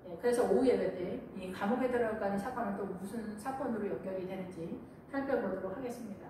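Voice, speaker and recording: Woman pastor, lively sermon storyteller, distant mic in a reverberant church with faint noise. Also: mid-range voice, fast talker. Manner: animated storytelling, acting out quotes. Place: church sanctuary. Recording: echoey church hall from far off.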